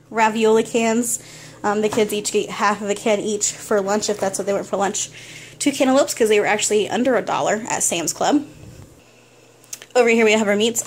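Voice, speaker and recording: Recorded up close on a handheld phone, this young woman's mid-range voice carries over slight background noise. She's a vlogger indoors in her home kitchen, casually going item by item through her groceries.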